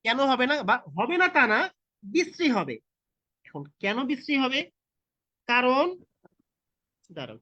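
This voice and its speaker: A man's voice: extremely high pitch, big pitch swings, slow pace, pauses often, bright, forceful tone, no echo, muffled recording. A man in his thirties with a Bangladeshi Bengali accent teaches an online IELTS class. He talks casually, mixes in English and puts questions straight to his students. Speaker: IELTS tutor. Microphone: video call.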